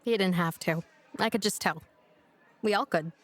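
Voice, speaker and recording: A woman's voice: medium pitch, moderate pace, lightly acted. Woman doing a sarcastic young woman, dry and direct, teases a lot, audio drama. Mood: earnest. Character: blunt, sarcastic young woman, grieving sister. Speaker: [name].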